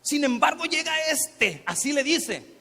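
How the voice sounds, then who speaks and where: A man's voice: extremely high pitch, gravelly, pushed and bright, long reverb tail. A male pastor preaching a sermon in a church, telling the story conversationally and often asking rhetorical questions. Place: church sanctuary.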